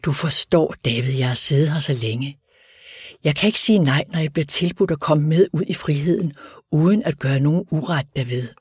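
A man doing a dying prisoner, fervent, raised pleading tone, husky, dry sound. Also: fairly high pitch, dry recording. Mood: yearning.

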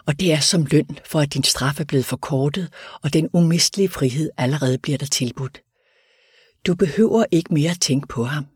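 Man playing death's solemn driver, husky. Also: fairly high pitch, darkish tone, no echo, clean studio sound. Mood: stern. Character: grim male driver of death, solemn and stern.

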